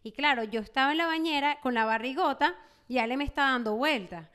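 A woman, co-hosting a casual chat podcast and telling animated stories that act out each scene. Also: sits high, fairly quick, clean tone. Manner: animated storyteller who acts out scenes. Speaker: podcast co-host.

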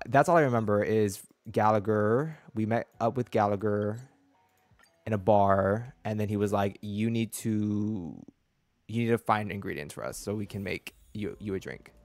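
Sitting in a small room with a desk mic close to his mouth, a game streamer in his twenties chats casually on his livestream, rambling and cutting himself off. He speaks at a normal speed in a fairly low voice, and the recording is dry, with game music behind him.

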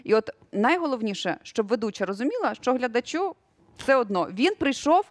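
A young woman speaking in a slightly high voice, a news producer interviewed in a studio. She talks in a relaxed, chatty way, full of little fillers. The sound is close and dry. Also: fairly quick, dry recording. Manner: relaxed, chatty, with many fillers and occasional laughs.

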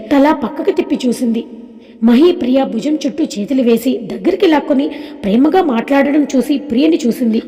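Woman storyteller, high mellow voice, long hall reverb, scripted serial narration.

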